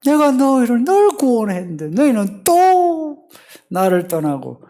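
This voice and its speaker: A man voicing God as an exasperated father, shouting pleading rebukes at his people. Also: extremely high pitch, wildly swooping pitch, slow, pitched above the performer's own voice, full character voice.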